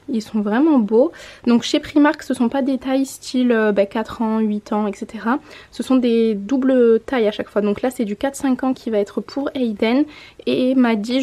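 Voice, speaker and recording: A mom vlogger in her twenties, speaking in a warm voice on the higher side, chats through a casual haul vlog. She holds up clothes for the camera in a home room by a window and corrects herself here and there.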